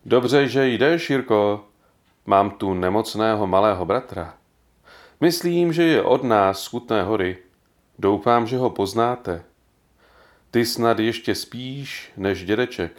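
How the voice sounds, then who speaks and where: A man voicing a devout preacher who speaks slowly, gently and solemnly in a storybook reading. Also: on the low side, close to an everyday voice. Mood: tender. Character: gentle, devout middle-aged male preacher.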